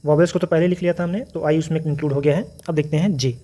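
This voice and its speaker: Patient male phonics teacher, mellow voice. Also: on the high side, fairly even intonation. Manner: patient, explanatory, repeats example words slowly. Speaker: English teacher. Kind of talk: phonics lesson.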